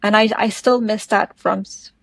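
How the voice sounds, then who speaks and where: A South African woman with an Afrikaans accent and Afrikaans as her first language, speaking thoughtfully and haltingly as an interview guest. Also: mid-range voice, fairly even intonation, gravelly, dry recording. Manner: thoughtful, halting, searching for words. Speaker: podcast guest. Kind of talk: reflective interview conversation.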